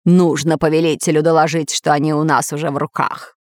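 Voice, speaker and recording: A woman's voice: low voice, little pitch movement, brisk, no echo, lightly acted. A fawning toady skeleton, as a woman reader puts him on, hurrying and eager to please in a storybook tale. Close, dry sound.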